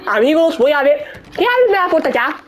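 Playing a video game, a young Spanish streamer with a high, very animated voice keeps up casual let's-play commentary at normal speed in a Spain Spanish accent. She scolds enemies, swears and exclaims throughout. The audio quality is poor.

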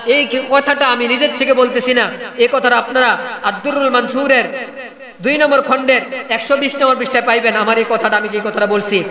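High-voiced man preaching to a crowd. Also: steady tone, a little fast. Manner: high-pitched, rhetorical, keeps asking the crowd if they understand. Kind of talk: Bengali waz sermon. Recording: echoey hall with a loud crowd.

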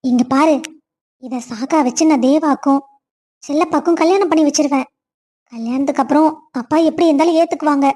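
Woman playing a mean scheming stepmom in a cartoon, high voice, always bossing and scolding. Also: fairly quick, long pauses, a little mellow, close to an everyday voice. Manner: bossy, scolding. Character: scheming stern stepmother, middle-aged.

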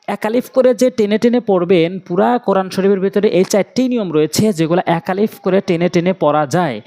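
A man with a Bangladeshi Bengali accent teaching Quran recitation, drilling syllables slowly and stretching the vowels. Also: sits high, a little mellow. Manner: quick, plain explanations with many fillers. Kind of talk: step-by-step recitation lesson.

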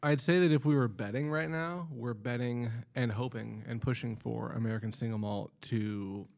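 A man who is the production manager at a distillery, explaining at length in a measured, casual podcast chat with frequent ums. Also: mid-range voice, vocal fry, darkish tone. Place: indoor studio at a table.

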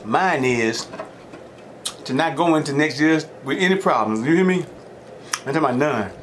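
A middle-aged mukbang host with a Southern US accent tells folksy, rambling stories between mouthfuls in casual chat. His fairly high voice is expressive and moves at normal speed, with slight background noise.

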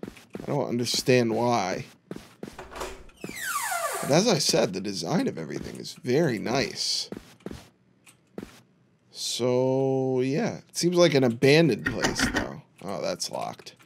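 A man's voice: medium pitch, wildly swooping pitch, takes it slowly, gravelly, long pauses, noisy background. A man giving casual, jokey commentary while playing a horror game, with dry sarcastic asides. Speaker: video game streamer.

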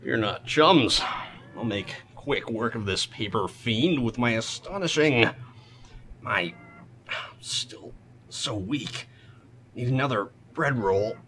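A man's voice: mid-range voice, expressive, a little slow, fairly bright tone, slight background noise. A man playing a hearty, folksy superhero. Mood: boastful. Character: boisterous hungry male superhero, folksy. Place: restaurant.

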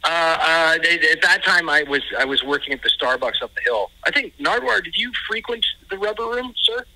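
A man's voice: on the high side, animated, fairly quick, bright, forceful tone, no room sound, rough recording. A middle-aged man talking casually over a speakerphone, wry, often repeating a word as he starts. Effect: heard over a speakerphone. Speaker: musician on a phone call. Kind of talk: casual phone chat.

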